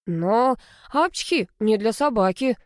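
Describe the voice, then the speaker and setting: A woman's voice: a little high, lively intonation, takes it slowly, no echo, studio quality. A woman reading the lines of a grumpy teenage boy who keeps sneezing and mumbling, in audiobook narration. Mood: peevish.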